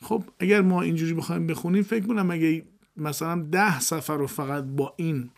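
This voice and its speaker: A man's voice: on the high side, steady tone, creaky. A man discussing recitation with his teacher, asking questions and trying words aloud. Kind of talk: lesson discussion.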